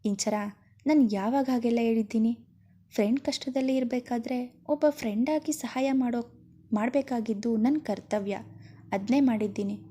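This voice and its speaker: A woman voicing an anxious, caring young female friend who fusses with quick worried questions. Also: on the high side, mellow, husky.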